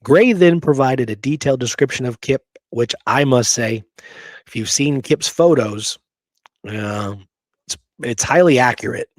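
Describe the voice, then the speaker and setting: A man co-hosts a history talk show, reading quoted passages aloud and adding his own informal asides. His voice is medium-pitched and unhurried, recorded without echo.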